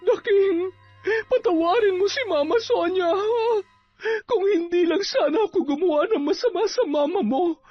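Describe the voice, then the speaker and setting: Brief: fierce witch woman put on by a male narrator, shrill and tearful, high falsetto, lively swings, storybook horror. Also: highs cut off. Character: woman, a fierce sorceress who dotes on a baby.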